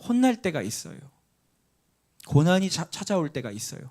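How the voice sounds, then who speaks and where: Animated Korean pastor preaching a story. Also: male voice, fairly high pitch, moderate pace. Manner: animated storytelling, acting out a child's cries. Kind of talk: sermon with a personal story. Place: church sanctuary.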